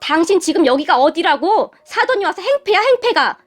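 A woman's voice: very high voice, animated, fast talker, fairly bright tone, faint music behind. A woman voicing a domineering older mother-in-law who screeches and scolds. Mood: shrieking.

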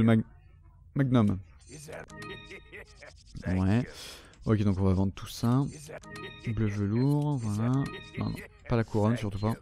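Gaming host, male, low mellow voice, swears and talks back to the game, faint music underneath. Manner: talks to the game enemy, swears a lot, mutters to himself. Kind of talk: let's play commentary.

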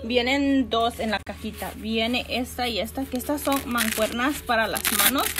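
A woman's voice: fairly high pitch, moderate pace, loud music behind the voice. A woman in her thirties with a Mexican Spanish accent, chatting casually to a phone camera in a small bedroom and giving upbeat, motivating talk. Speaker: fitness vlogger. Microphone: phone camera close up.

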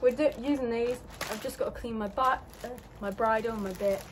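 Fairly quick and a little high-pitched, this young woman's voice comes with a little hiss or hum. She's an equestrian vlogger chatting cheerfully and rambling on a phone at arm's length, at a stable yard outdoors and in a horse lorry.

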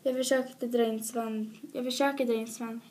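A woman's voice: on the high side, fairly even intonation, a little mellow, close to an everyday voice. A woman voicing a cheerful, stubborn mother cow who protests mildly and matter-of-factly. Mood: protesting.

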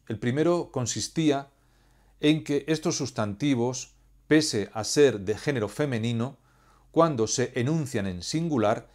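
Man, language teacher, measured, didactic, mid-range pitch. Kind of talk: scripted educational explanation.

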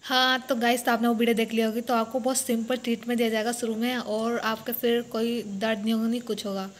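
A woman's voice: a little high, level tone, fast talker. A young woman vlogger talking with braces on, chatting casually to camera, mixing English into her talk and laughing at her own jokes.

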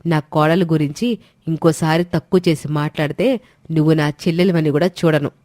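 Stern mother-in-law in an animated storybook, a woman reading, dry and close. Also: low voice, a little fast, no echo. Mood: firm. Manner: firm, lecturing. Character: firm, proud middle-aged mother-in-law, fair-minded. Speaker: narrator and lead figure.

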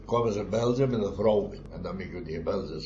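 A man's voice: sits low, a little fast, dark tone. An older man, a former miner, telling rambling stories in an oral history interview, often adding tag questions and short chuckles. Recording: muffled with faint noise.

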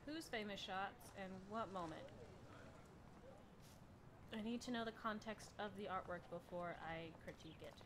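A woman's voice: mid-range voice, moderate pace, long pauses. A woman giving casual let's-play commentary, with wry, blunt reactions to the game. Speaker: gaming streamer. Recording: noisy commentary over game audio.

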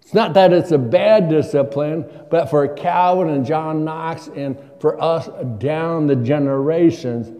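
Slightly high and mellow, the voice belongs to an older guest preacher who addresses his congregation from a church pulpit, asking questions in a conversational style. A long church reverb surrounds the recording.

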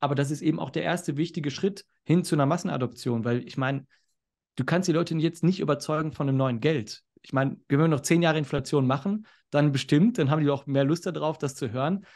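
A man talking as a podcast guest, explaining finance in an animated way that is sometimes fast and loud. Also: on the high side. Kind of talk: casual podcast conversation.

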